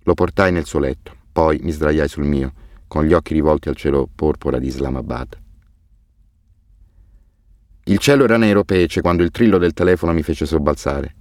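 A man narrating a novel in the first person, measured and somber. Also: extremely low pitch, a little mellow, no echo, clean studio sound. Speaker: audiobook narrator.

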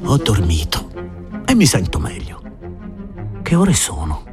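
Expressive man reading a story aloud. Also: low voice, a little slow, loud music behind the voice. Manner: expressive, voices the characters. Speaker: audiobook reader. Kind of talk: first-person story reading.

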